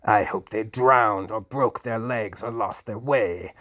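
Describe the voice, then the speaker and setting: A man voicing a cruel, cold old duke villain who snarls, rasps and screams. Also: lowish voice, slow, fairly bright tone, dry recording. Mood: screaming rage.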